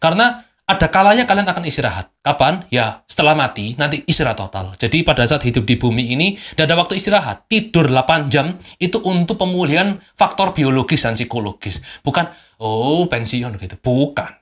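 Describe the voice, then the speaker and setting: A man's voice: fairly high pitch, sing-song, quick pace, a bit bright. A young man, a business owner, giving an unscripted motivational talk to camera at home at night, blunt and emphatic, repeating phrases to drive points home. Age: young adult.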